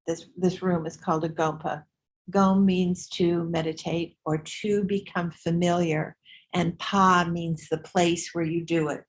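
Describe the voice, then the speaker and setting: An older woman speaks informally to a meditation group, explaining ideas at an easy pace. Her voice sits on the low side, and she restarts her phrases and repeats words as she thinks aloud. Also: flat delivery, unhurried, low-quality recording. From United States. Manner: chatty, laughs easily, repeats words while thinking. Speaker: Buddhist teacher. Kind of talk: informal dharma talk to a group. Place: meditation room.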